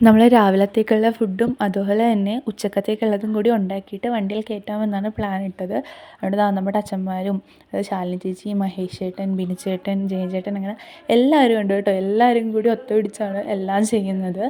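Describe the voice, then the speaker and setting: A woman's voice: medium pitch, flat delivery, a little fast, warm tone. A woman giving a casual travel vlog voice-over, with English words mixed into her Malayalam. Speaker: travel vlogger.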